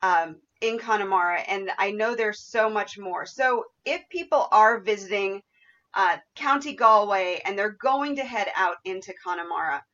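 A woman's voice: mid-range voice, fairly bright tone, muffled recording. A woman hosting a podcast interview in a conversational, effusive and appreciative way. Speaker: podcast host.

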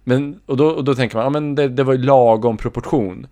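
A man co-hosting a podcast, musing about a film in a relaxed, casual way. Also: mid-range voice, no echo. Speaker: podcast co-host.

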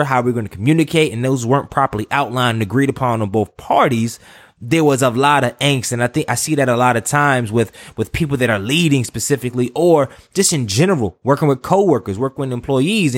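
A male podcast host with a medium-pitched voice talks loosely, circling back and restarting his thoughts. The sound is dry and close. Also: dry recording. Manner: rambling, many restarts and asides. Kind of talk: casual interview talk.

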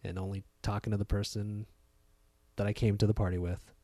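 A young man hosts a casual podcast in a low, soft-spoken voice. He talks in a hesitant, relaxed way with lots of fillers. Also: brisk. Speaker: podcast host.

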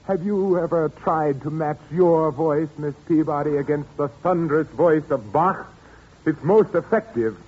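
An actor playing a mad, menacing widower organist in a theatrical, genteel 1940s radio suspense style. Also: male voice, on the high side, unhurried, husky. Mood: gloating madness. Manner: theatrical, genteel, ominous phrasing. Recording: muffled, noisy 1940s radio recording.

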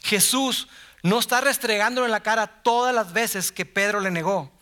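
A man with a Mexican Spanish accent preaching a sermon from a church stage in a conversational way, acting out quotes in softer or louder voices. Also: sits high, normal speed.

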